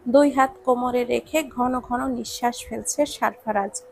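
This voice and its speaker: A woman narrating a story with expressive storytelling. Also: fairly high pitch, unhurried, creaky, a little hiss or hum.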